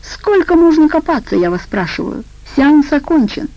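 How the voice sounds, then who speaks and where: A woman's voice: on the high side, expressive, normal speed, gravelly, warm tone, no echo, lo-fi sound. A woman reading an audiobook voices a domineering, rude woman boss who speaks curtly and harshly, with a commanding tone.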